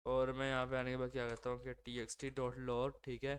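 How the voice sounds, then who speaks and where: Man with a sore throat, coding walkthrough, smooth clear voice, thinks aloud, mid pitch. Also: completely flat delivery, fairly quick. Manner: thinks aloud, many fillers and self-corrections. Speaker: coding tutorial host. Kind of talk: screen-recorded coding walkthrough.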